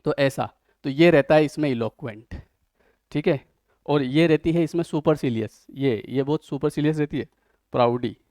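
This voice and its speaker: A man's voice: fairly high pitch, normal speed, darkish tone, no room sound, studio quality. A man teaching a vocabulary lesson, often asking questions and explaining words through everyday examples.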